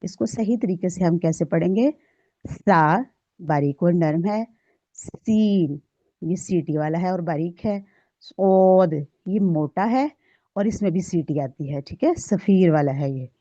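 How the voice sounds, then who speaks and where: A woman teaching Quran recitation rules. She sounds each letter out slowly and often stops to check that the listener follows. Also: fairly low pitch, animated, warm tone, no room sound, dull audio. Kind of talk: recorded tajweed lesson.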